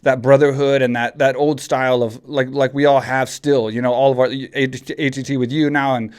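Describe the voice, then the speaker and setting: A man's voice: medium pitch, flat delivery, moderate pace, clear, resonant tone. A man in his forties from Texas hosting a podcast, talking casually and rambling with many restarts. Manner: rambling, frequent restarts and fillers. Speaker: podcast host. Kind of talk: casual chat.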